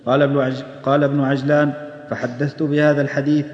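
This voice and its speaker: Man reading in a flat monotone. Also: mid-range voice, fast. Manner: flat, steady recitation. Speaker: reader of hadith text. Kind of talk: reading religious text aloud. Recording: echoey hall, dull old tape.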